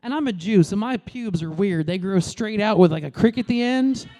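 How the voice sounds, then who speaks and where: A woman in her late thirties doing a stand-up comedy set on a club stage, brash and crude, with deadpan asides to the crowd. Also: mid-range voice, normal speed. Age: late 30s.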